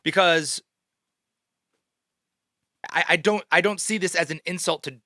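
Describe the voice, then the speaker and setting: A man's voice: sits high, a little slow, bright, forceful tone, no echo, clean studio sound. A man co-hosting a casual podcast, thinking aloud and asking questions as he talks. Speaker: podcast co-host.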